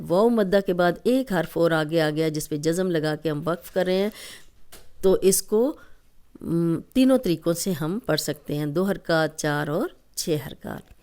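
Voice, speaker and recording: A woman teaching Quran recitation rules, explaining patiently step by step and drawing each recited word out slowly, with a Pakistani Urdu accent. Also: fairly low pitch, dark tone. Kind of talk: Tajweed lesson.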